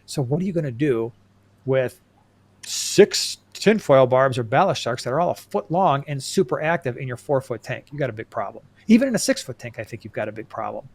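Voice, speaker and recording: A man co-hosting a casual aquarium podcast, talking in an animated way and acting out little jokes. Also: mid-range voice, brisk, dry recording. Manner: animated, laughs and acts out quips. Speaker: podcast co-host.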